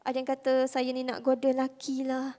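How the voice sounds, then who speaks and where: A Malaysian woman speaking with a Malaysian Malay accent, giving a lively, conversational religious talk to a convention audience in a soft voice, full of rhetorical questions. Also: high voice, a little fast. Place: large convention hall. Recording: hall reverb from the venue.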